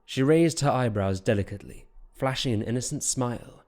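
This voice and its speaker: A man narrating a fantasy audiobook in a steady, measured storytelling voice. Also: mid-range voice.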